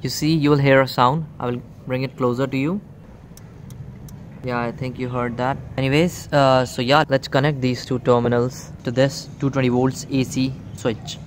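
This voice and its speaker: A man's voice: mid-range voice, level tone, normal speed, a little hiss or hum. Man demoing a welder, chatty steps. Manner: addresses viewers as "guys" often, step-by-step. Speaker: electronics video host. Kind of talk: hands-on product demonstration. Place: outdoor table beside plants.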